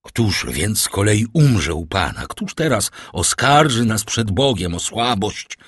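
A man voicing a cold, guarded middle-aged doctor in an audiobook, speaking in a cool, measured, cutting way. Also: lowish voice, big pitch swings, fairly bright tone, slightly rough, dry recording, clean studio sound, heavily acted. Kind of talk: audiobook character voice.

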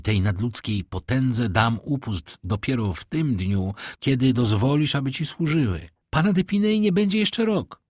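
A man's voice: mid-range voice, no room sound, studio quality. A man reading a fervent young lover. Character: ardent devoted young man in love. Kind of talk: audiobook reading.

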